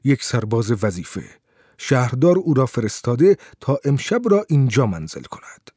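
A loyal, fretting housemaid, voiced by a man reading aloud, who speaks in an anxious, fussing way. The voice is warm and mellow, and the recording is dry and close. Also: mid-range voice, big pitch swings, no room sound. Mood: alarmed. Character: loyal, fussy female housemaid. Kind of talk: audiobook character reading.

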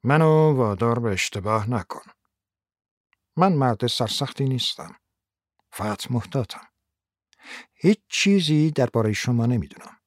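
A man gives voice to a guarded gunman in a noir audiobook. He speaks slowly and hesitantly, his voice dropped a little below the narration. The sound is dry and close, with no room around it. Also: no room sound, lightly acted. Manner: slow, hesitant, slightly lowered voice. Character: wary, guarded man holding a gun.

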